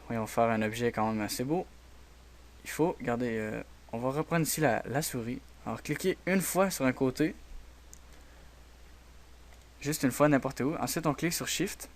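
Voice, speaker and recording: A man with a Québécois French accent hosting a software tutorial, talking quietly and hesitantly with many fillers. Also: mid-range voice. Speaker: tutorial host. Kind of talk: screen-recorded software tutorial.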